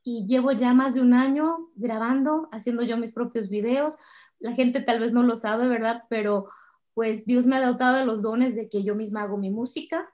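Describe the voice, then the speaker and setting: A middle-aged Mexican woman, a singer, chatting warmly and emotionally in an interview. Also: on the high side, steady tone, moderate pace. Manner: warm, chatty, emotional storytelling. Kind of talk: casual interview chat. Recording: slightly dull lo-fi sound.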